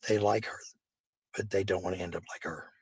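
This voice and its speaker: A middle-aged man with a low, gravelly, husky voice talks casually to viewers in a blunt, profane, rambling monologue, repeating phrases for emphasis. His tone stays steady and his pace brisk, and the recording is dry.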